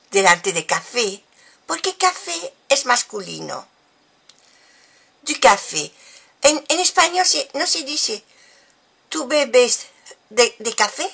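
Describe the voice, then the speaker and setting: An older woman teaching with patient explanations, repeating example phrases slowly. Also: a little high, vocal fry, bright, forceful tone, husky. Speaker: language teacher.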